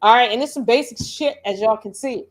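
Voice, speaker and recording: A woman hosting a casual reaction chat, talking in a blunt, profane and animated way. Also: a little high, brisk. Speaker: host.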